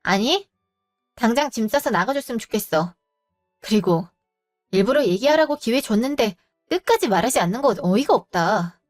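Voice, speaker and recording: A woman voicing a sharp young woman who scolds and cuts off her cheating partner, in a storybook drama. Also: a little high, lively intonation, moderate pace, faint music behind, close to an everyday voice. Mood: scornful. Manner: scolding, cutting. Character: cold, sharp young woman boss's daughter.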